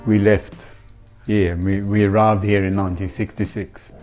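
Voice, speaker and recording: A man's voice: on the low side, level tone, a little mellow, soft background music. A man in his eighties with a Swedish accent, hesitantly recalling his past in an interview. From Sweden. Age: 80s. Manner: slow, hesitant, many fillers. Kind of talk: documentary interview.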